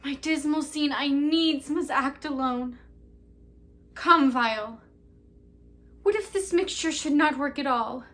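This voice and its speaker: A woman's voice: high voice, slow, pauses often. Juliet, as an actress plays her, fearful and dramatic. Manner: fearful, dramatic, swings from hush to cries. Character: young Juliet, terrified before the potion. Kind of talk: Shakespeare monologue performance.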